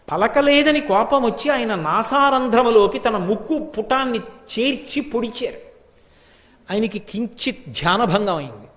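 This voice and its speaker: Male religious storyteller, high voice, lively acted-out quotes, hall echo. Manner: animated storyteller, acts out characters' quoted lines. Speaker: religious discourse speaker. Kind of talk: devotional storytelling discourse. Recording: long hall reverb.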